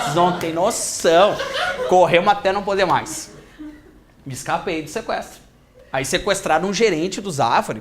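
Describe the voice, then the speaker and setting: Animated storytelling male teacher. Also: high voice. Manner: animated storytelling, acts out quoted voices. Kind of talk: classroom lecture with a told anecdote. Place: classroom.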